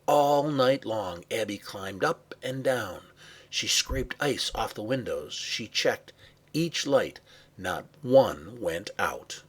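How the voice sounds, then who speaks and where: A man reading a children's story aloud with expressive, varied pacing and some hushed passages. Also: lowish voice, slow, husky. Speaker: narrator.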